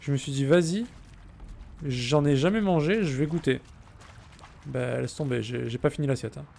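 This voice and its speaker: A man's voice: mid-range voice, normal speed, creaky, darkish tone, slight background noise. A man chatting casually and jokingly while streaming a game, answering his viewers' messages. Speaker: let's play streamer. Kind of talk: casual gameplay chat with viewers.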